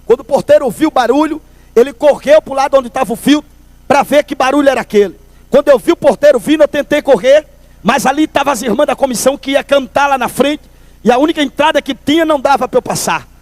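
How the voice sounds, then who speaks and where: A man's voice: very high-pitched, fast, no room sound. A man from Recife, telling a humorous testimony at a church service and calling listeners brother. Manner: lively storyteller, calls listeners brother.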